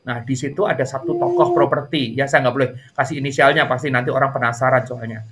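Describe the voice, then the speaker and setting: A middle-aged man telling a story in a casual interview. He talks in a chatty way with many fillers and jumps up in pitch when a story gets lively. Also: quick pace, crowd noise. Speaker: interview guest.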